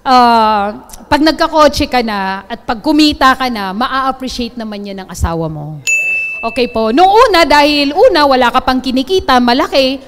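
A woman giving a lively, joking motivational training talk to a live audience. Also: high-pitched. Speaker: training speaker.

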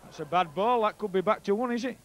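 High-pitched Yorkshire man commentating on rugby. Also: fast. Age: middle-aged. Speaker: co-commentator, former player. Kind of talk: live rugby league match commentary. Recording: outdoor match noise behind commentary. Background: stadium ambience and crowd.

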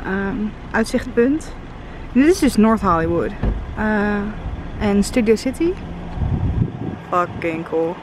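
A young Dutch woman vlogs her travels, chatting casually and playfully in a mid-range voice, excitable and blunt. She holds the camera at arm's length as she moves between a car and outdoor streets and viewpoints, with music laid over the handheld audio and car and street noise behind her.

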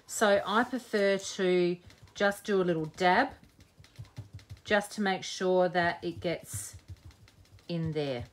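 Taking it slowly with long pauses, a woman with a low-ish voice leads a live craft demonstration. She's a craft video host in her forties, chatty and jokey, thinking aloud as she works.

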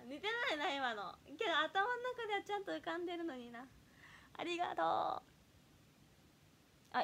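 A young woman in her early twenties chats casually on a livestream, thanking viewers and reading their comments. Her voice sits very high, and it cracks upward whenever she raises it. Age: early 20s. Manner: chatty, reads fan comments aloud, voice flips up when loud. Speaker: idol livestream host.

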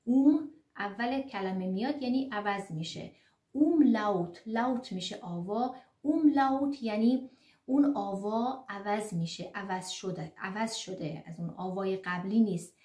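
Female language teacher, mid-pitched, patient and explanatory, many fillers, echoey room. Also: dark tone. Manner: explanatory, repeats sounds slowly with many fillers. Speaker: German teacher. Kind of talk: online language lesson.

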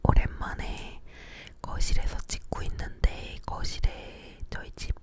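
A young woman leans right in to the mic and whispers an ASMR chat at home. Her delivery is very slow and soft, fully breathed with no voice behind it. It feels like an intimate ear-to-ear murmur about everyday life. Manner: leaning in close to whisper into the mic. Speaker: ASMR video creator. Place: living room at home. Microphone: close to the mouth, ear-to-ear.

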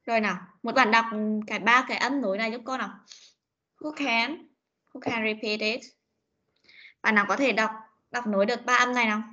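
A woman's voice: a little high, steady tone, fairly quick, bright, forceful tone. A woman teacher with a Vietnamese accent, patiently coaxing young pupils in an online English class over a video call. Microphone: computer mic on a video call. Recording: dull lo-fi video call audio.

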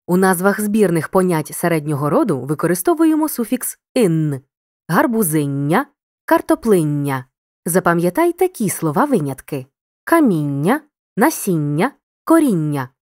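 A woman teaches in a scripted lesson, speaking to the listener directly and pronouncing each example word with care. Her voice sits low, yet her intonation rises and falls with lively movement. The sound is dry and close, with no room echo. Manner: addresses the listener directly, clear dictation of examples.

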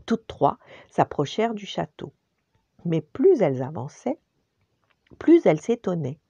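An older woman, a grandmother, telling a bedtime story gently and expressively, sometimes dropping to a whisper. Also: lowish voice, very animated, a little slow, slightly rough, no echo, lo-fi sound.

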